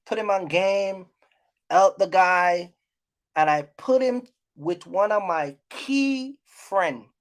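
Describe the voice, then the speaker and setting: Speaking slowly in a mid-range voice, a woman delivers unscripted trucking business advice to her YouTube viewers. The casual rant is blunt, and she repeats herself for emphasis as if scolding them.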